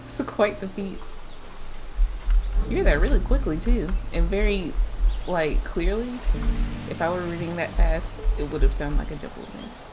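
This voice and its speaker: A woman playing a game and chatting casually, reacting out loud with quick exclamations. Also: lowish voice, low-quality recording. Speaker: game player. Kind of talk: casual gameplay chat. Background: game music.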